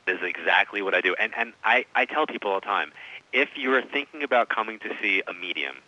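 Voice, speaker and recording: A man's voice: on the low side, expressive, quick pace, pushed and bright, no room sound. A man in his forties, a psychic medium being interviewed, talking emphatically and telling stories. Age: 40s. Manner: emphatic, storytelling. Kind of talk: interview conversation. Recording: dull radio-style audio.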